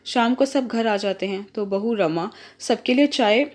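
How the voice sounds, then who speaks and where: A woman hosting her channel and reading a family story aloud in plain, steady narration. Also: a little high, unhurried.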